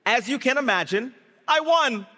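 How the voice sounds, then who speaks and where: An energetic young startup founder from Brazil, raised in Guyana, gives a gala speech live on stage in a large event hall, with the audience calling back. His voice is very high-pitched at a moderate pace, and he tells stories with comic timing while addressing the crowd, heard through a PA with reverberant hall sound.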